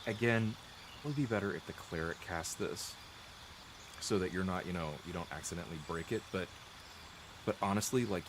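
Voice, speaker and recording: A deep-voiced gameplay streamer explains spells as he plays, with background noise audible. He's chatty and rambling, restarting lines and correcting himself as he thinks out loud. He coughs frequently from a dry throat, speaking close to a desk mic.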